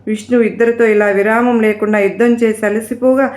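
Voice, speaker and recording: A woman's voice: on the high side, level tone, fairly quick, a little mellow, roomy sound. Woman telling a devotional story. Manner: reads with frequent restarts.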